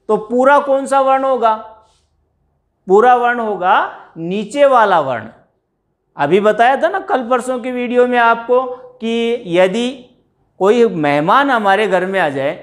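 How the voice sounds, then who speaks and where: Slow, patient male grammar teacher. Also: very high voice, a bit bright. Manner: slow, explaining step by step with repeated questions; drawn-out words when stressing examples. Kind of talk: Hindi grammar lesson.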